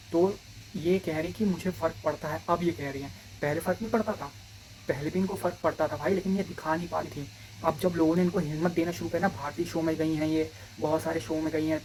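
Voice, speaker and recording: A man's voice: a little high, a little mellow, slight background noise, low-quality recording. Man rambling through a casual commentary. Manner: rambling, keeps checking with listeners.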